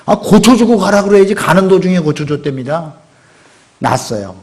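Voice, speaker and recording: A middle-aged man preaching a sermon as pastor, talking conversationally and acting out quotes with sudden loud outbursts. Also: high voice, animated, normal speed. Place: church sanctuary.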